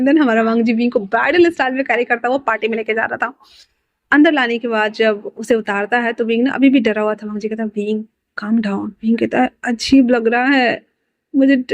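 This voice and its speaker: A woman narrates a fan-fiction story in a loose, chatty manner, reading out the characters' lines herself and now and then breaking in with her own excited asides. Her voice sits a little high. The recording is close and dry, with no room sound. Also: no echo, highs cut off.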